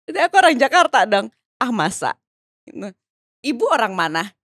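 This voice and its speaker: A woman from Indonesia, a writer and entrepreneur, talking as a podcast guest in a lively way, laughing often and mixing in English phrases. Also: a little high, normal speed, no echo, clean studio sound. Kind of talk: casual interview chat.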